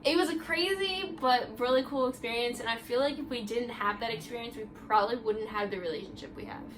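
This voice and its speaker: A woman's voice: a little high, fairly quick. A young woman vlogger chatting casually, telling a story with lots of "like" fillers. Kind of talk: casual chat.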